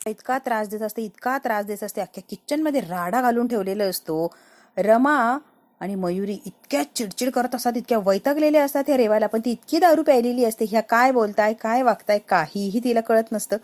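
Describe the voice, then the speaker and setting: A woman narrating a casual recap of a TV serial episode, animated and repeating phrases for emphasis. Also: fairly high pitch, fairly quick.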